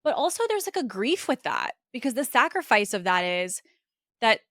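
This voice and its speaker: A woman's voice: on the high side, very animated, moderate pace, a bit bright, dry recording, studio quality. Earnest woman hosting a podcast. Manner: earnest, conversational, with frequent "like" and "you know". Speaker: podcast host. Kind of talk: reflective solo podcast monologue.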